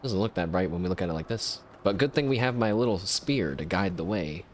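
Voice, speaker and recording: A man's voice: low voice, expressive, fairly quick, slight background noise. A man giving casual, jokey let's-play commentary while playing a game. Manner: chatty, jokey, self-mocking. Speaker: gameplay commentator.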